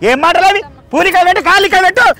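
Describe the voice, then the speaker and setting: A man with a Telangana Telugu accent playing a loud, nagging old village mother-in-law in a comedy sketch. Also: quick pace, exaggerated voice. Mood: scolding. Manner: shrill nagging scolds, loud outbursts. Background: background music.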